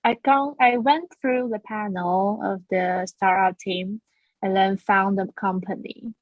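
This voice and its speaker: A Taiwanese woman who founded a language school talks earnestly in a casual interview, restarting her sentences often. Her mid-range voice is steady and unhurried, and the audio is narrow and tinny with no room sound.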